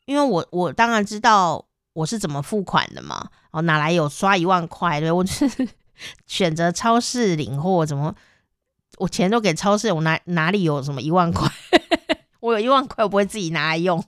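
A woman hosting a podcast, telling a personal story in a casual, animated way and laughing often. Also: on the low side, moderate pace, dry recording, clean studio sound. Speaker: podcast host. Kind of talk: casual chat.

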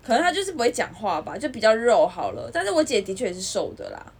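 A young woman, co-hosting a casual chat podcast and ranting with lively mimicry. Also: on the high side, quick pace, breathy edge. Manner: animated ranting, mimics others. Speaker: podcast co-host.

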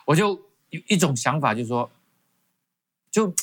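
A man's voice: fairly high pitch, animated, moderate pace. A man giving a personal testimony as a guest in an interview, telling it animatedly with frequent restarts. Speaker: guest professor.

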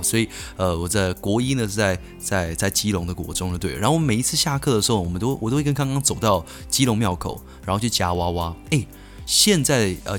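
A young man from Taiwan, hosting a podcast and telling a story in an animated way, full of restarts and self-answered asides. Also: deep voice. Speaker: podcast host.

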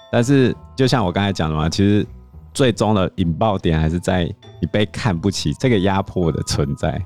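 A man with a very low voice and a Taiwanese Mandarin accent chats on a book-club podcast, spinning animated stories about a student. Quiet music sits beneath him. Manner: animated storytelling, self-teasing asides. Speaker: podcast co-host, teacher. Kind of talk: casual book-club chat.

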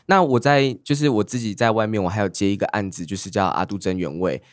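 A man's voice: fairly low pitch, quick pace, dry recording, clean studio sound. A man co-hosting a panel, chatting casually and thinking aloud with frequent fillers.

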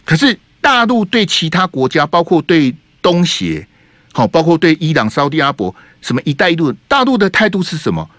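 A man's voice: a little high, brisk, dry recording. A middle-aged man, hosting a radio talk show with rhetorical political commentary and many 哈 and 啊 tags. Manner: animated and rhetorical, tags sentences with 哈 and 啊. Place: radio studio.

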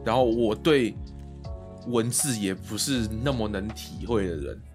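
A man's voice: on the low side, unhurried, music in the background. A man co-hosting a podcast, rambling and hesitant in casual chat, with the odd swear word. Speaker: podcast co-host.

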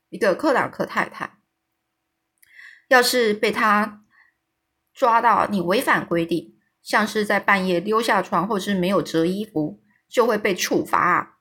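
A woman's voice: medium pitch, moderate pace, a bit bright, breathy edge. Woman voicing a frank little orphan girl. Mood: earnest. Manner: plain-spoken, earnest.

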